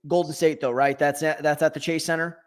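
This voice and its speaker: A man's voice: fairly high pitch, flat delivery, brisk. A man co-hosting a casual sports talk show, thinking aloud and correcting himself as he goes. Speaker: co-host.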